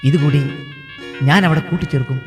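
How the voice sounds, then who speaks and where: A man's voice: fairly high pitch, moderate pace, close to an everyday voice. A man voicing the world's conscience, declaiming in a raised, impassioned voice. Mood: declamatory. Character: voice of the world's conscience, defiant, oratorical. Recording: reverberant, faint music behind.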